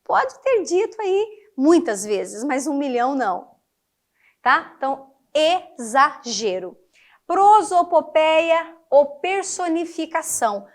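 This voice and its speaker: A woman teacher with a Brazilian Portuguese accent gives a lively lecture, often checking in with her students. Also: high-pitched, takes it slowly. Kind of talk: classroom lecture on figures of speech.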